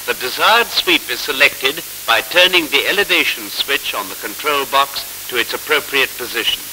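The narration comes from a 1940s instructional film, its soundtrack scratchy with age. A man explains in a formal, measured way, his medium-pitched voice animated, pushed and bright.

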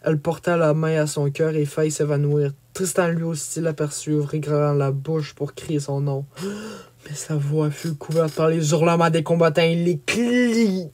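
A man reading a chapter of a medieval romance aloud as an audiobook, with expressive storytelling. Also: on the high side, moderate pace. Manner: expressive, rising on action. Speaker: audiobook reader. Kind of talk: dramatic storybook narration.

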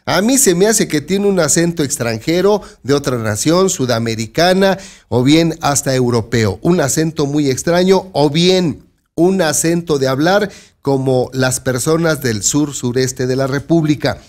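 With a measured pace and a high-leaning, darkish voice, this Mexican host of a local news commentary show speaks straight to his listeners. His manner is conversational, and he warns them to be careful.

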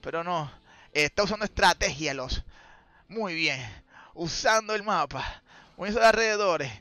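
A man calling a mobile game tournament as play-by-play commentator, joking and exclaiming loudly at big plays. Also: sits high, normal speed, dry recording.

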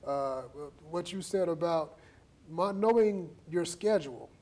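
A man in his thirties hosts a studio interview, speaking into a lapel mic. His voice sits a little high, and he talks in a conversational way, echoing and summarizing what his guests say. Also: animated, unhurried, darkish tone. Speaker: TV talk show host. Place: TV studio set.

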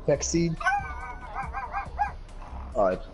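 A man's voice: fairly high pitch, animated, very slow, music in the background. Rambling casual man chatting about snacks. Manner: rambling, restarts, laughs easily. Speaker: gaming channel co-host. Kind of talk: casual chat. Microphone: headset or desk mic.

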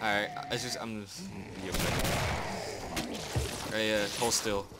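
A man's voice: on the low side, fairly even intonation, slow pace, heavy background noise. A young man casually chatting and joking while recording a game playthrough with a friend. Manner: laughing, joking, rambling with restarts. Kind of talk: casual gameplay chat. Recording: gameplay audio with loud gunfire. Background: loud gunfire from the game.

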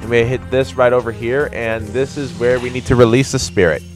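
Young guy doing a let's play, jokey and rambling, average pitch. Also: fairly even intonation, a little fast, over music. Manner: joking, goofy, breaks into silly voices. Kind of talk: casual gameplay commentary.

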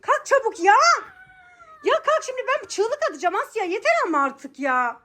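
A woman's voice: very high-pitched, sing-song, normal speed, bright, forceful tone. A woman in her thirties playing a mother who scolds and coaxes her children to get up, sounding exasperated in a bedroom at home. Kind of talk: scripted family skit.

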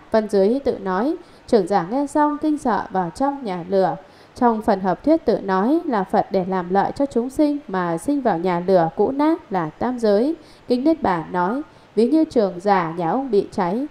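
A woman giving an even, measured scripted reading of a Buddhist scripture commentary. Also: fairly high pitch. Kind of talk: scripted reading of a religious text.

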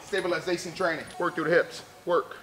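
A man's voice: on the high side, steady tone, brisk, fairly bright tone. An American man working as a strength coach, giving blunt, slangy commands during a workout. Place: large indoor gym. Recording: gym with busy background sound.

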